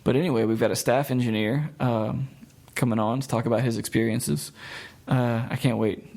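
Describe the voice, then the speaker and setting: A man hosting a laid-back podcast with friends. His voice is average in pitch with a gravelly edge, and he laughs easily as he wraps up the episode and points listeners to the show's pages. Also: steady tone, moderate pace, a little mellow. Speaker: podcast host. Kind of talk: casual podcast chat.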